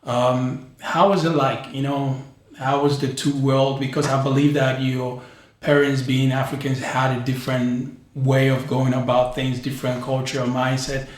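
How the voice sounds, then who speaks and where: A man's voice: mid-range voice, flat delivery, a little slow. A man hosting a podcast interview in a studio, rambling through his questions with many restarts and repeats. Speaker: podcast host. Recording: very echoey studio with faint music.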